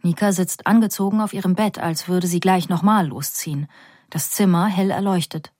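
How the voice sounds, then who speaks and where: Woman reading a story out loud, calm and measured, dry close mic. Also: fairly low pitch, no room sound. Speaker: narrator. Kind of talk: literary audiobook narration.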